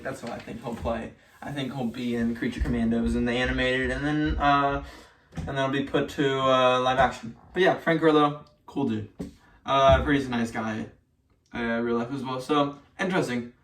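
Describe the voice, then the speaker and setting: A man's voice: medium pitch, fairly even intonation, moderate pace, fairly bright tone. A man co-hosting a weekly news roundup, chatting casually and reading articles aloud, with lots of fillers and restarts. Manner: rambling with many fillers and restarts. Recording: echoey room, mic at a distance.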